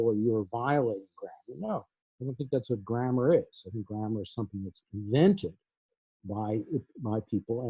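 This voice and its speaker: An older man in a recorded online conversation, talking in a thoughtful, halting way full of restarts and repeated words. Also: medium pitch, dark tone, slightly rough, dry recording, lo-fi sound. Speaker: poet in conversation. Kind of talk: conversational interview. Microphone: video call.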